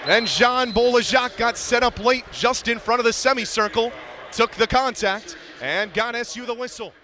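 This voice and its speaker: Calling live basketball in a very high-pitched voice, a man speaks at a moderate pace, describing the action in clipped, vivid detail moment by moment. The setting is courtside in a large indoor arena, with loud crowd noise and a bouncing basketball behind his voice.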